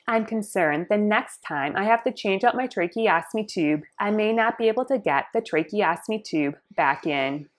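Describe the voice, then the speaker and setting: A woman vlogger narrating a scripted personal account in a measured, deliberate, formal storytelling manner. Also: lowish voice. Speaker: YouTube vlogger.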